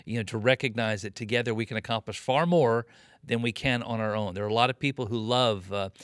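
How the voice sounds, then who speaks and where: A man's voice: mid-range voice, fast, dry recording, studio quality. A man in his late fifties, a pastor being interviewed, talking about leadership in an earnest, preaching way with emphatic repetition. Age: 50s. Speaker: pastor and guest. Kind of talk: conversational interview on ministry leadership.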